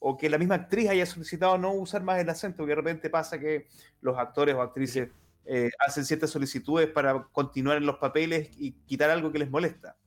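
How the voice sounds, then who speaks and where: A man's voice: fairly high pitch, steady tone, a little fast. Chilean man explaining on a podcast. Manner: explaining, steering talk back. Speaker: podcast co-host. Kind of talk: casual chat.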